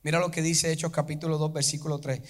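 Fast and on the high side, this pastor's voice stays level in tone as he gives an impassioned sermon. He addresses his congregation head-on, breaking into chant-like preaching at the climaxes.

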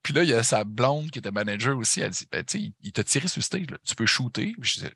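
Animated husky Québécois man. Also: mid-range voice, quick pace, no echo. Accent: Québécois French. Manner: animated, slangy, peppered with English and swearing. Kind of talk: casual storytelling chat.

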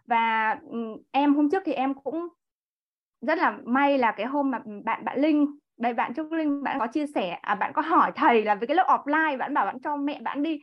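High-voiced woman sharing on a video call. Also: normal speed. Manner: chatty, frequent restarts and polite particles. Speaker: class participant. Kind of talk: sharing a personal story in an online class. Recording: dull lo-fi online call audio.

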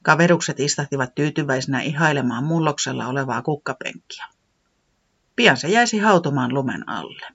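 A storyteller reading a children's story aloud in a gentle, calm way. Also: medium pitch, gravelly, slightly rough, dull audio.

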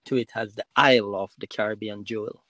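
A man from Jamaica, a podcast guest on a call line, talking about himself in a halting way with many fillers and restarts. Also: lowish voice, steady tone, bright, forceful tone, no room sound. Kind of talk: casual interview talk.

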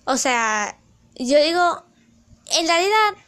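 A young woman chatting in a casual vlog, excitable and rambling, loud at times and slipping into English phrases. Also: very high-pitched, slow pace. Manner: loud, near shouting at times. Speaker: vlogger.

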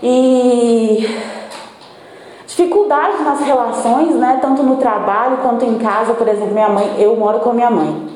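A Brazilian woman in her forties, speaking as a patient, giving a halting personal account full of restarts. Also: fairly high pitch, darkish tone, very echoey, slight background noise, rough recording. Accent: Brazilian Portuguese. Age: 40s. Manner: halting, many restarts and self-corrections.

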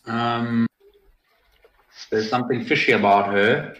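Slow, deliberate man in an echoey room. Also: medium pitch, steady tone, fairly bright tone, muffled recording. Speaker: player. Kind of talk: casual tabletop game chat.

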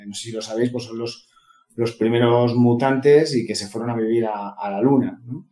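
A man's voice: medium pitch, steady tone, normal speed, warm tone. A man, co-hosting a casual podcast chat about comics and telling stories about them with enthusiasm. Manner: enthusiastic, storytelling. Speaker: podcast co-host. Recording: echoey room with faint music.

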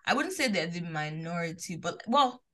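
This is a young Nigerian podcast co-host in an easygoing conversation, sounding very animated. Quick shifts in pitch and volume run through her speech.

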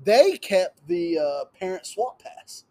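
A man's voice: high voice, big pitch swings, slow, a little mellow. A married man chatting casually with friends, telling a story with enthusiasm. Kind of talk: casual chat.

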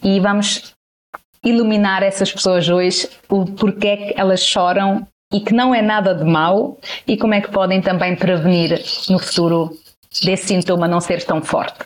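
Woman, European Portuguese accent, psychologist guest, calm reassuring explanations, mid pitch. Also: normal speed, a little hiss or hum. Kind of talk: explanatory talk on a radio show.

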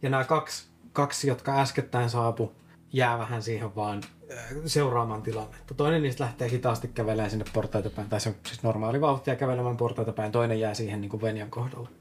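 A man narrating as game master of a tabletop role-playing game, often laughing and filling pauses as he describes the action. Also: medium pitch, steady tone.

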